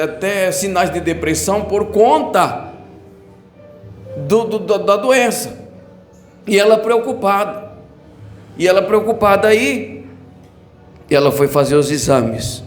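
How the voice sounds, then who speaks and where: High-voiced Brazilian pastor preaching fervently. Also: male voice. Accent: Brazilian Portuguese. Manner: fervent preaching, rising to shouts, with many hallelujahs. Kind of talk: sermon. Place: church.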